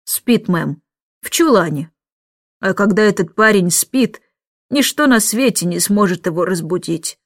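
A woman voicing a gloomy, blunt older female cook in a storybook reading, low and glum. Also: expressive, a little slow, no echo, clean studio sound.

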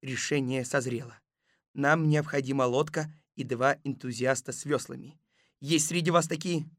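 A man's voice: mid-range voice, steady tone, moderate pace, dry recording, studio quality, close to an everyday voice. A man voicing an earnest male detective chief who makes rousing speeches. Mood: calm. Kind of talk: audiobook reading.

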